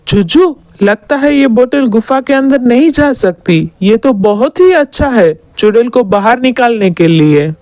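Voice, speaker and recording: A woman's voice: on the high side, lively intonation, measured pace, few pauses, darkish tone, no room sound. A woman voicing a worried young village boy who pleads anxiously in a cartoon.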